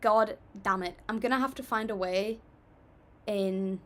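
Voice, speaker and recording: A young woman reacts to music on a casual livestream, chatting and reading viewers' comments aloud in an upbeat, apologetic manner. She has a mid-range voice and keeps a measured pace.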